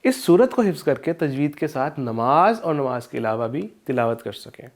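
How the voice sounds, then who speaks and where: A man teaching an Islamic studies lesson with a Pakistani Urdu accent, explaining rules slowly and chanting verses in drawn-out recitation. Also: medium pitch, sing-song. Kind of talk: recorded video lesson with Quran recitation.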